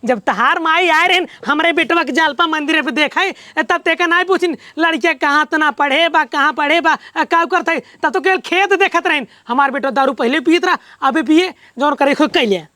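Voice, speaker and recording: A woman plays a defiant old father-in-law in a rustic Awadhi-accented comedy skit. The voice is extremely high and piercingly bright, close and dry. Every reply is stubborn and argumentative. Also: normal speed, hardly any pauses, dry recording. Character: stubborn old father-in-law defending his drinking son.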